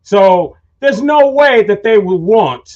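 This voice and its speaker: A man's voice: high voice, lively intonation, slow. A man hosting a talk show, chatting casually and telling rambling stories, calling his listeners y'all. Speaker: show host. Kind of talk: casual chat. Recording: dull lo-fi sound.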